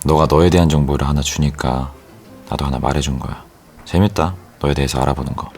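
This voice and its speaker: An actor playing a cool, composed young executive in a romance audio drama, a wry and possessive boyfriend who talks in a terse, understated, teasing way. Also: male voice, a bass voice, fairly even intonation, brisk, a little mellow. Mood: softly teasing. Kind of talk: romance audio drama acting with inner monologue.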